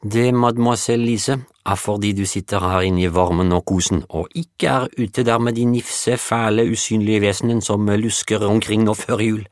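A man's voice: fairly low pitch, steady tone, few pauses, dry recording, clean studio sound, pitched above the performer's own voice, close to an everyday voice. A man voicing a cheerful French woman cook with a French accent, theatrical and easily frightened. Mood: teasing. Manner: theatrical, shrieking when scared.

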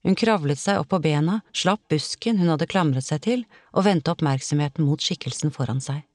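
A woman narrating a novel in an expressive, dramatic audiobook reading. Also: low voice, no echo.

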